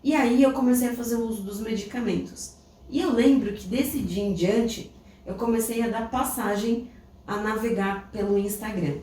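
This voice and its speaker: A Brazilian woman with a somewhat high, mellow voice co-hosts a podcast, sharing a personal story at a moderate pace in a reflective, casual way. Her Brazilian Portuguese accent comes through a distant mic in an echoey room with faint noise.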